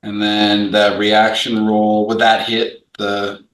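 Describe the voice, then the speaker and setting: Man, tabletop player, low bright voice, careful rules talk, echoey room. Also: completely flat delivery, slow, recorded from a distance. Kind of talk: describing his character's action in a tabletop game.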